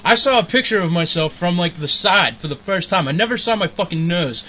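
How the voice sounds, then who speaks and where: A man's voice: sits high, animated, brisk. A young man co-hosting a podcast in crude, profane casual chat, rambling and laughing often. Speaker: podcast co-host. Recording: muffled lo-fi with faint noise.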